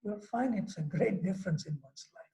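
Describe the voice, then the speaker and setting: A man close to sixty, a swami, leads a devotional class in Mauritius with an easygoing delivery full of "you know." He speaks at a moderate pace in a high, expressive, warm voice, though the recording quality is low.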